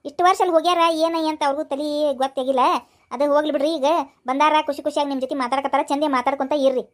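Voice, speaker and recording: A dutiful young cartoon daughter-in-law, voiced by a woman, chatters and pleads with a North Karnataka accent. Her voice is very high and quick. Her manner stays fussing and earnest. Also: steady tone, natural voice. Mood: chatty pleading. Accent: North Karnataka Kannada.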